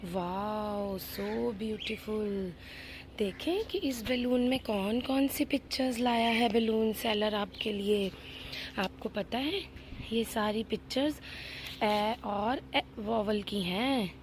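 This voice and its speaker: A young woman teacher with an Indian English accent leading a phonics lesson for small children, drawing out each word slowly in a sing-song way and asking simple questions. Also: mid-range voice, a little hiss or hum. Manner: slow, sing-song drawn-out words with frequent questions.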